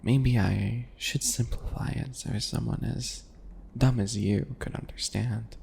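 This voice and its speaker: In an ASMR roleplay, a man voices a small, smug, obsessive yandere, speaking slowly with mock sweetness and a taunting edge. His mid-range voice is breathy and gravelly, steady and darkish, slipping into whispers. A slight hiss or hum sits in the recording.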